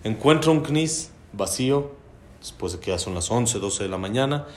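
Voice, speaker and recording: A man's voice: mid-range voice, animated, normal speed, darkish tone, slight background noise. A man, a religious teacher telling a heartfelt, emphatic story in a sermon. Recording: roomy hall with faint background ambience.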